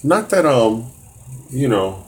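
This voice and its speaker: A man's voice: medium pitch, sing-song, takes it slowly, a little hiss or hum. A man teaching a live-streamed test prep math lesson, casual and encouraging, with many fillers and restarts.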